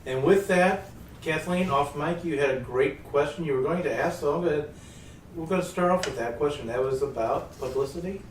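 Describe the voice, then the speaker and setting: A man's voice: fairly high pitch, fairly quick, slight background noise. A man hosting a casual writers' roundtable podcast, loose and rambling, often correcting himself. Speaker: podcast host and producer. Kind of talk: casual panel chat. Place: shared room around a table. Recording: roomy room sound, distant mic.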